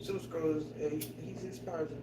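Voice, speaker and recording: A man's voice: on the high side, fairly even intonation, moderate pace. A man co-hosting a podcast in casual chat, laid-back and hesitant, talking slang. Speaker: podcast co-host. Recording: distant mic, echoey room, noisy.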